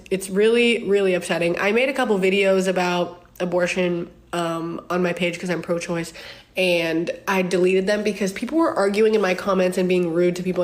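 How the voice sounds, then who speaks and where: A woman in her twenties casually answering viewer questions to her phone, chatty and candid, with frequent ums and laughs. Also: medium pitch. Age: 20s. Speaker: social media creator answering fan questions. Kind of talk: casual Q&A chat.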